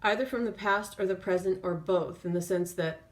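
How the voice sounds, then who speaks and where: This tarot reader's voice is on the low side; she talks unscripted, sensing her way through the reading and leaving long pauses as she goes.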